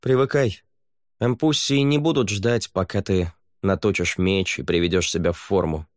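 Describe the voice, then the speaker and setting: Мужчина-чтец озвучивает суровую, закалённую воительницу-полукровку, говорящую резко и отрывисто. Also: male voice, low voice, normal speed, no room sound, studio quality, voice pushed up, close to an everyday voice. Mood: stern. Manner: blunt and curt. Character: stern, hardened half-blood woman warrior.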